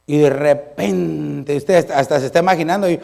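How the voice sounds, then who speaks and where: A middle-aged male pastor, preaching a sermon with animated storytelling and humorous asides. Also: a little high, moderate pace, vocal fry.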